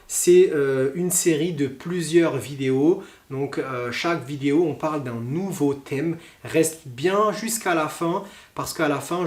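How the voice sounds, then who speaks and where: Slow, deliberate French teacher, echoey room. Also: male voice, fairly high pitch. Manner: slow, deliberate, with frequent hesitations. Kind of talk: French pronunciation lesson.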